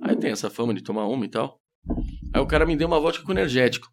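A man's voice: medium pitch, lively intonation, racing, slight background noise. A Brazilian man talks through his stories with a modest, self-deprecating ease. He is a comedian who admits he is shy, and he animates his tales by mimicking the people in them. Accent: Brazilian Portuguese. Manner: shy, self-deprecating storyteller who acts out quoted voices. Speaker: comedian guest. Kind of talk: casual podcast chat.

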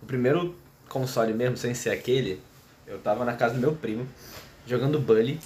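A man's voice: mid-range voice, brisk, a little mellow. A Brazilian man co-hosting a podcast, telling casual anecdotes in an informal way. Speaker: podcast co-host. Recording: faint background noise.

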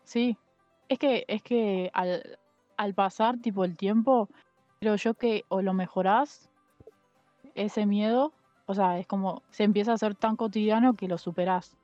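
A woman's voice: mid-range voice, fairly even intonation, a little slow, dark tone, no echo. A young woman co-hosting a casual podcast chat, talking hesitantly with many fillers and restarts. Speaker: podcast co-host. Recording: dull muffled sound with faint music.

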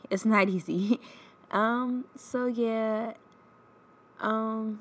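Sounding congested from a cold, a twenty-something podcast host talks openly on her own, filling pauses with ums. Her voice sits low with vocal fry, over a faint hiss or hum.

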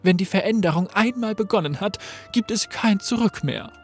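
A man's voice: high voice, normal speed, soft background music, pitched above the performer's own voice, natural voice. A man reading the lines of a mocking villainous sorceress in a game story. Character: scornful villainous sorceress woman.

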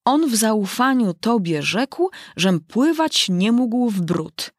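Nervous, fawning storybook rabbit courtier, high and lively, voiced by a woman. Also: takes it slowly, no room sound, clean studio sound, full character voice. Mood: reciting.

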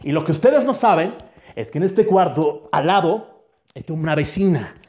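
A Mexican man in his thirties hosts a comedy podcast by himself with a high voice. He is playful and loud and talks to his listeners directly. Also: animated, normal speed. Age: 30s. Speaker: podcast host. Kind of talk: solo comedic podcast chat.

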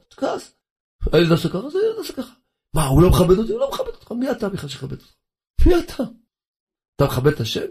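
A man preaches with fervor in a husky, slightly breathy voice. He fires rhetorical questions at his listeners and drives each point home like a teacher lecturing his congregation. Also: medium pitch, darkish tone. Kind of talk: sermon.

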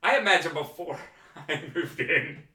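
A man co-hosting a comedy podcast, delivering absurd claims deadpan with halting fillers. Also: a little high, reverberant. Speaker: podcast co-host. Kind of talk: improvised comedy chat.

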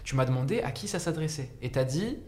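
A man, a company founder, talking fast and rambling with many restarts as the guest in a casual podcast chat. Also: on the high side, expressive, darkish tone, reverberant.

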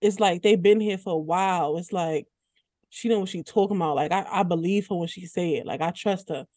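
A woman's voice: fairly low pitch, brisk, warm tone, dry recording. A woman co-hosting a podcast, chatting casually with many "like" fillers and laughing as she tells stories. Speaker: podcast co-host. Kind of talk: casual chat.

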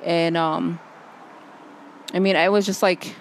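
A woman co-hosting a casual outdoor faith podcast, talking haltingly with many restarts and fillers. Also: fairly low pitch, fairly even intonation, a little hiss or hum. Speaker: podcast co-host. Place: outdoors under a backyard overhang by a fire pit.

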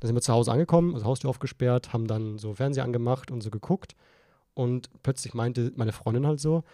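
Ein junger Mann, der als Co-Host eines Podcasts angetrunken und sprunghaft erzählt, mit vielen Neuanfängen. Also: male voice, medium pitch, fast talker, warm tone, no room sound, studio quality. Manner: rambling, tipsy storytelling with frequent restarts. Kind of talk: casual chat.

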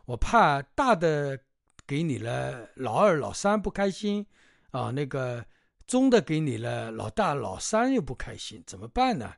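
A man's voice: medium pitch, very animated, a little slow, vocal fry, no room sound, clean studio sound. Man putting on a bossy scolding widow. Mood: fretting. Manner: bossy, exclamatory haggling. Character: scolding middle-aged widow, matchmaking mother of three.

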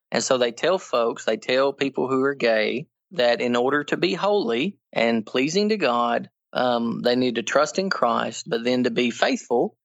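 A man being interviewed on a podcast as a guest theologian, explaining in an earnest way and growing animated when he argues. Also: mid-range voice, creaky, no room sound. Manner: earnest, animated when critiquing, frequent restarts.

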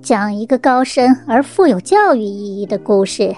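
A gracious fairy-tale queen, voiced by a woman storyteller speaks politely and with refinement. The voice is high, with music behind it in a children's story reading. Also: animated, normal speed, a little mellow, lightly acted. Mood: courteous.

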